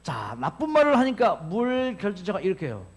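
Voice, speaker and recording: Male health lecturer, high voice with big swings, rhetorical questions to the room. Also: a little fast, husky. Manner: animated, asks the audience questions and answers himself.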